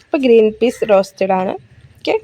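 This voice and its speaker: High-voiced young woman vlogging. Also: animated, brisk, warm tone. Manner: chatty, homely, talks straight to viewers. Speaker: family vlogger and mother. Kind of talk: casual family vlog narration.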